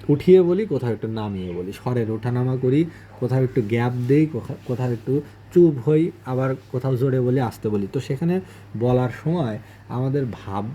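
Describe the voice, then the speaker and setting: A man's voice: mid-range voice, mellow, slight background noise. A man teaching basic grammar, giving each definition and then restating it more simply. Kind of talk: explanatory lesson.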